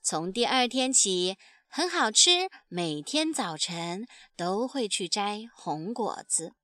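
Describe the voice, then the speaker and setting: A woman storyteller reading a picture book aloud in an animated way, acting out the sound effects. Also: medium pitch, takes it slowly, no room sound, studio quality.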